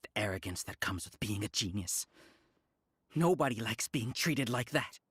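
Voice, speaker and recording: An actor playing a proud, resentful scholar villain in a video game, with a husky voice and dramatic delivery. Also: male voice, fairly low pitch, expressive, moderate pace, fairly bright tone, no room sound, heavily acted. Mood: bitter, wounded. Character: proud, bitter defeated male scholar villain. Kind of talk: English video game voice acting.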